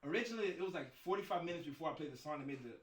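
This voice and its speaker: A man tells a story as a DJ guest in a loose, swearing, rambling way. He talks fast in a fairly high voice. The room echoes, and he sits a little back from the microphone. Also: distant mic. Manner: animated, profane, rambling. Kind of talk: casual storytelling.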